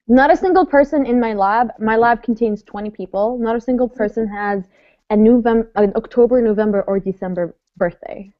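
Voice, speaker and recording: A woman in her twenties runs a laid-back online book club livestream, chatting and reading out viewer comments. Her voice is a little high and she talks fairly quickly. The webcam audio is dry, dull and lo-fi.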